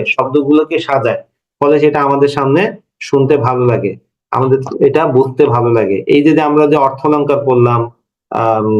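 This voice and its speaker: A man's voice: fairly high pitch, muffled recording. A man in his thirties teaching a language lesson to a class, explaining step by step and asking his students questions. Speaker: Bengali language lecturer. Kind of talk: classroom lecture.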